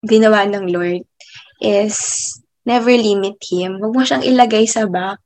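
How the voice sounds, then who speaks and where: A young woman in her twenties, a teacher, telling a personal faith story in a casual, chatty way. She laughs often and lets many phrases trail off softly. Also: mid-range voice, unhurried. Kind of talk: casual faith testimony vlog.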